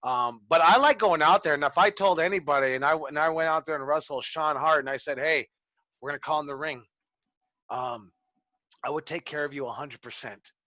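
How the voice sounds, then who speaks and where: A middle-aged man, a pro wrestling trainer, telling ring stories in an animated, swearing way as a lesson. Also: on the high side, fairly quick, dry recording. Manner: animated, swearing, acts out quotes. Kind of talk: casual storytelling lesson. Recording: dull lo-fi sound.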